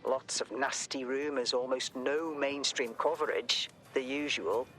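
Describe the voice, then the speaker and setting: A woman's voice: extremely low pitch, steady tone, measured pace, a bit bright, a little hiss or hum. A woman playing a wry, teasing, worldly informant in a video game, with an unflappable manner. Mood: matter-of-fact.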